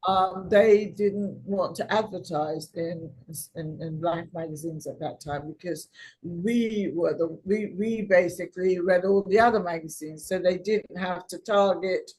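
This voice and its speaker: Podcast guest: middle-aged woman from Guyana, husky tone, animated storyteller who acts out quoted dialogue. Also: lowish voice, unhurried, low-quality recording. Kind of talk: conversational storytelling.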